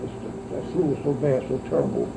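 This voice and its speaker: A very elderly American man with an aged, creaky voice recalls the past casually, in a halting, rambling old man's way, often tagging thoughts with "see". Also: mid-range voice. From United States. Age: very elderly, about 90s or older. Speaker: grandfather recalling wartime childhood. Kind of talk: casual oral-history reminiscence. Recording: noisy, steady insect-like background hum.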